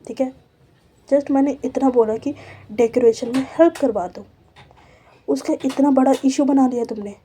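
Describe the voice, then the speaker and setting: A woman voicing a quick-tempered senior college girl who gives orders and scolds in a commanding way. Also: high voice, dark tone, a little hiss or hum, close to an everyday voice. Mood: scolding.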